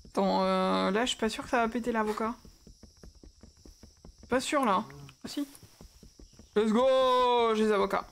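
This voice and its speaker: A young woman chatting excitedly while playing a game on a livestream and talking to her in-game pets and her chat. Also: a little high, unhurried, gravelly, long pauses. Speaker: streamer. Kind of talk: casual Minecraft livestream commentary.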